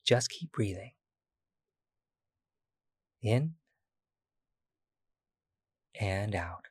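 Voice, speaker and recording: A man leads a calm body-scan meditation in a soft, breathy voice. His pitch sits low and he leaves long pauses between phrases. The recording is dry and close, with no room sound. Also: dry recording. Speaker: meditation guide.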